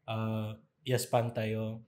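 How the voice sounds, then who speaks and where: A man's voice: lowish voice, extremely slow. A man from Zamboanga, co-hosting a casual podcast chat and telling stories with playful mimicry. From Zamboanga, Philippines. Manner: animated storytelling with playful mimicry. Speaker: podcast co-host.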